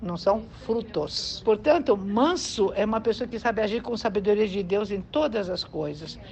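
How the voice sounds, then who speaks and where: A woman's voice: mid-range voice, lively intonation, moderate pace, a little mellow. A Brazilian woman preaching to a congregation in a conversational way, often asking her listeners whether they agree. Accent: Brazilian Portuguese. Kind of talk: sermon teaching. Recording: dull lo-fi sound with faint background noise.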